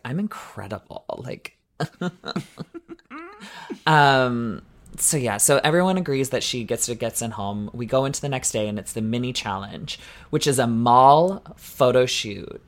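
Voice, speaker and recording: A woman's voice: extremely low pitch, normal speed. A woman co-hosting a podcast in casual chat, giggly and candid, often trailing off with "like" and "I don't know". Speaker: podcast co-host.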